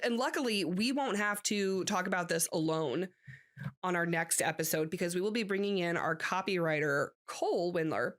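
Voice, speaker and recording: A woman co-hosting a podcast in casual chat, playful and acting out examples. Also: on the low side. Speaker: podcast co-host.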